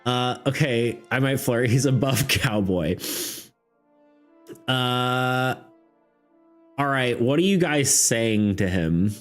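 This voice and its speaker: A man's voice: medium pitch, expressive, slow, pauses often. A man running a tabletop game on a live stream, rambling casually, laughing often and asking his chat for ideas. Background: faint background music.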